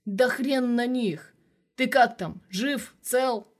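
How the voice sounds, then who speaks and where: A woman doing a blustering gruff colonel. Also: on the high side, slow, pitched above the performer's own voice. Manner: loud, blustering. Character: gruff, hot-tempered older male police colonel.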